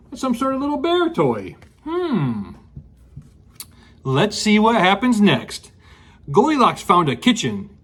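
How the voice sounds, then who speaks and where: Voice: medium pitch, breathy edge. A storyteller in a rambling grandpa style, reading to children with folksy asides and questions. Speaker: children's story show host.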